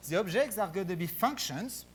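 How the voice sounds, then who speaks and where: A man's voice: high-pitched, expressive, brisk, a little hiss or hum. French-accented man giving a math talk. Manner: hesitant, many fillers and restarts. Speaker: guest lecturer.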